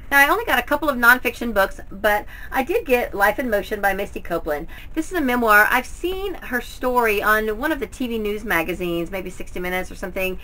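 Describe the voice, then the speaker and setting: Casting: middle-aged woman, bright forward voice, mid pitch, chatty home vlogger. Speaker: book haul vlogger. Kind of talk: casual, chatty book review to camera. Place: indoors at home, in front of bookshelves.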